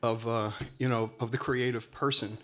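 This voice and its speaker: On a discussion panel, a Brooklyn-accented middle-aged man speaks at normal speed with a flat delivery and medium pitch, wandering conversationally and leaning on many fillers.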